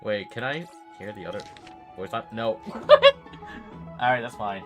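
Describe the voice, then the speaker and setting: A man's voice: fairly low pitch, unhurried, a bit bright. A young man giving casual, joking commentary over a video game, profane and laughing often. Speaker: gaming video creator. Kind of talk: casual gameplay reaction commentary. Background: game music.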